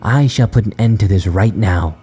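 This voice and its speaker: Scornful grafted monster parent, as a man reads it, deep dark husky voice, soft music behind. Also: moderate pace. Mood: contemptuous. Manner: cold, contemptuous, commanding. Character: cruel grafted many-armed monster parent. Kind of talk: storybook horror narration.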